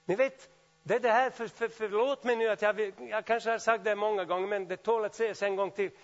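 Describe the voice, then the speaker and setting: Male preacher, high voice, animated delivery, dull lo-fi recording. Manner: animated, swings from loud exclamations to quiet asides. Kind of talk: sermon.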